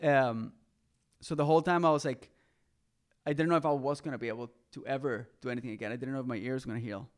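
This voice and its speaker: Speaking fast in a mid-range voice, a young Costa Rican musician chats informally as a guest. He keeps things relaxed, leaning heavily on fillers and saying "like" often.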